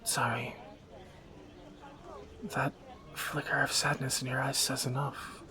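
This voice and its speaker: In a romantic fantasy audio roleplay, a man plays a teasing, protective captor turned lover, bantering in a soft-spoken way. His mid-range voice is lightly acted, carrying a worried, tender mood.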